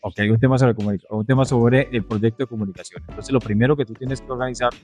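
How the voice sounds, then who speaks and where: A man's voice: medium pitch, steady tone, quick pace, warm tone, faint music behind. A man with a Colombian Caribbean coast accent, hosting a podcast and playfully prompting his guest in casual chat. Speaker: podcast host.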